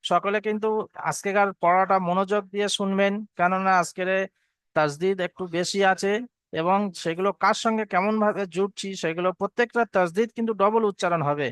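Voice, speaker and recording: High, clear-voiced male Quran teacher. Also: steady tone, a bit bright, no room sound. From Bengal. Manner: spells each letter and vowel, then chants the verse slowly. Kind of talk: spelling out and reciting verses for students.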